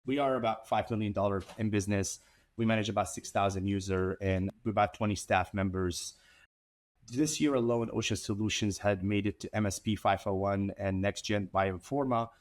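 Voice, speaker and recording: A man from Iraq, founder of an IT services company, speaking earnestly as an interview guest with a few repeated starts. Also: lowish voice. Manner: earnest, steady, some repeated word starts. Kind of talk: conversational interview.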